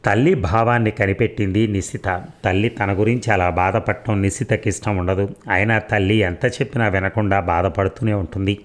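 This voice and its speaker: A man narrating an audiobook story in a measured, reflective way. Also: on the low side, fairly even intonation.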